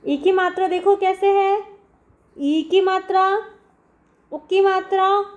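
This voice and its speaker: A woman's voice: very high voice, fairly even intonation, takes it slowly. A woman teacher giving a primary school lesson to children, speaking patiently and spelling out sounds one by one. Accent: Indian Hindi. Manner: often says "dekho", addressing children.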